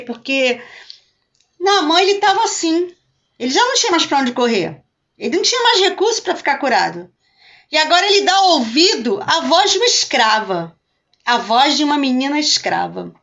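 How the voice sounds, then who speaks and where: Uma pastora falando numa live devocional, conversando à vontade e cumprimentando os espectadores pelo nome. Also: female voice, high voice, fairly bright tone, dull audio. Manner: talks chattily and greets viewers by name. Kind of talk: live-streamed devotional talk.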